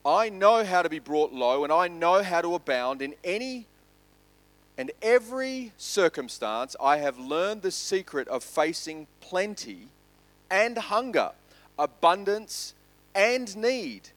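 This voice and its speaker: A man pastor preaching a sermon, building loud and quick through lists and then dropping to soft, slow emphasis. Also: sits high, big pitch swings, no room sound.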